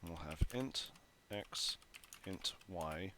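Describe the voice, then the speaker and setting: Low-pitched and very slow, the male voice sounds pushed and bright, with a little hiss or hum on the recording. He's a programming tutorial host thinking aloud through his code in a casual walkthrough, full of fillers and self-corrections. Phlegm catches in his throat so he clears it, while keyboard typing and clicks carry on behind him.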